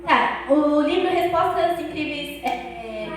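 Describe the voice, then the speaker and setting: A girl with a Brazilian accent preaches, her voice pitched very high. She tells her story in a lively way and keeps turning to the audience with questions. The room around her rings with heavy echo. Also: takes it slowly, slight background noise. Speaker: young preacher. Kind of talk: sermon with personal testimony. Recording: very echoey room.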